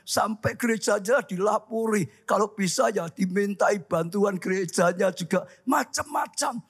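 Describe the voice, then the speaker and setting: A male pastor preaching a lively sermon, often calling out to the congregation. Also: high voice, breathy edge. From Indonesia. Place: church hall.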